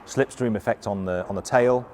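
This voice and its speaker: A middle-aged or older man giving an informal, hands-on briefing as a flight instructor, explaining in a halting, self-correcting way. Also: on the low side, darkish tone, slight background noise.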